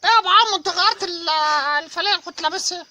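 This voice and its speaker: A man playing a very high-pitched Egyptian stoner. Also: rapid-fire, bright, forceful tone, full character voice. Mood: stoned, baffled. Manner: stoner talk, befuddled and repetitive. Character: muddled, stoned male hashish smoker, insistent and baffled. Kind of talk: comic sketch acting. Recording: faint noise with insect ambience.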